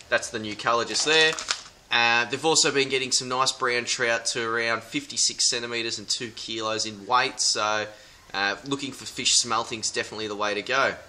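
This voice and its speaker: Young Aussie co-host, very bright tone, brisk promo read, faint background hiss. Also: male voice, medium pitch. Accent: Australian. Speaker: tackle shop co-host. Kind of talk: casual product and fishing report. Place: inside a large tackle shop. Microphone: camera at close range.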